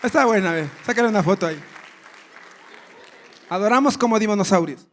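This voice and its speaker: A male pastor preaching a sermon, telling a funny story with lively acted shouts. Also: high voice, fairly quick, some chatter behind, a little hiss or hum. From Ecuador. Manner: storytelling with humor and animated shouts.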